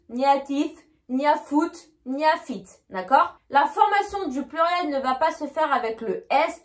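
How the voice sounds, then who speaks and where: High-voiced woman teaching, echoey room. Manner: clear, repetitive teaching, slows down for English examples. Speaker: English teacher. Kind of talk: lesson explaining grammar to the camera.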